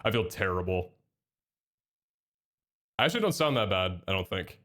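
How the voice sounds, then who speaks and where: A young man with a low-pitched voice, a little nasal from a head cold, streams live at a moderate pace. He's chatty and excitable, reading out chat messages and thanking subscribers.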